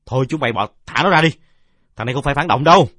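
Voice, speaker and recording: A man voicing a loud, bossy village boy in an audiobook story. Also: mid-range voice, expressive, rapid-fire, husky, no echo, clean studio sound, pitched above the performer's own voice. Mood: commanding.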